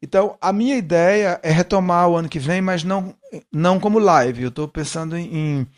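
A middle-aged man, a musician guesting on a casual interview, talks in a high voice at moderate speed. His accent is Northeastern Brazilian with São Paulo softening, and he tends to repeat words as he hunts for what comes next.

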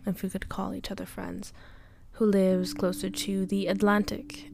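A young woman rambling hesitantly through a personal audio diary, often trailing off and sometimes dropping to a soft whisper. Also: mid-range voice, completely flat delivery, unhurried, creaky. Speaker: podcast diarist. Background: faint background music.

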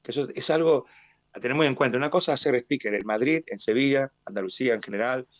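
A man's voice: medium pitch, fast, no echo. Argentine guy from mar del plata, sports announcer, talks big and proud, mid voice, dry close sound. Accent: Argentine Spanish, Mar del Plata. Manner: animated storyteller, proud and expansive. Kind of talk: radio interview.

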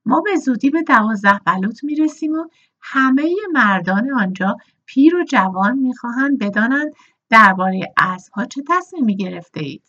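A woman voicing a hearty, pushy older plantation owner who talks loudly and persuasively. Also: fairly high pitch, expressive, highs cut off, heavily acted. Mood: pressing. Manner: loud, persuasive, coaxing.

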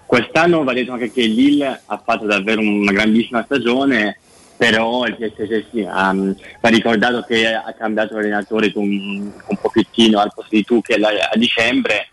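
A man's voice: lowish voice, steady tone, normal speed, a bit bright. A man, a football journalist, speaking as a radio guest over a speakerphone line that sounds distant and metallic. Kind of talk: live radio phone-in commentary. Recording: tinny, far-off speakerphone call.

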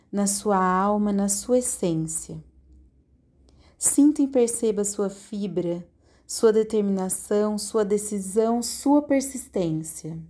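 A woman leading a guided hypnosis meditation in a slow, soothing, calmly directive way. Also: medium pitch.

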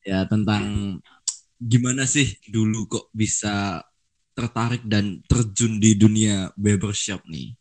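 A man's voice: fairly low pitch, steady tone, takes it slowly, a little mellow. A man with a Javanese accent hosting a casual interview in a slangy, joking way. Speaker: podcast host.

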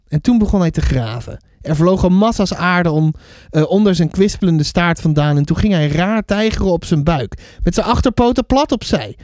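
Lively man reading a story aloud. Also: high voice, no echo, studio quality. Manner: lively, with fillers and self-corrections. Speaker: podcast host reading a book. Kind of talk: reading a children's book aloud.

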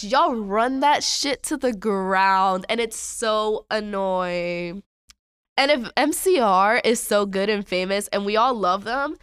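A woman's voice: on the high side, fairly bright tone, clear, resonant tone, dry recording. A young adult woman hosting a podcast, ranting in a casual, exasperated way with lots of slang and repetition. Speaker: podcast host.

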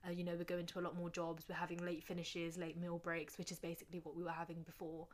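Low-voiced woman, calm paramedic chat. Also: fast talker. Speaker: paramedic, podcast co-host. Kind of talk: casual chat.

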